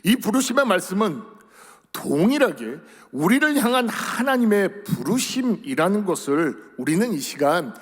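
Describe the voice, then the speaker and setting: A man's voice: high voice, husky. A man preaching a sermon as pastor, in earnest tones that rise on key words and fall at the end of phrases. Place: church sanctuary. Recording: long church hall reverb.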